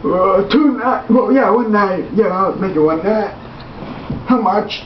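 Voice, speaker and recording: A young man fakes a confused old man, high-pitched and feeble. He speaks haltingly and groans through a prank call. The sound is muffled and echoes in a small bathroom, with faint noise. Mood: halting, plaintive. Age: young adult. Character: feeble, confused old man, hard of hearing, bad back. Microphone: camera a few feet away. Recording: muffled, roomy, faintly noisy camera recording.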